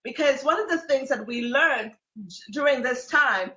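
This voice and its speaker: A woman hosts a casual talk show, playful and teasing as she draws out her guests. Her voice is high and bright. The sound is roomy and a little dull. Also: normal speed. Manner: playful, teasing, laughs often. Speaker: host.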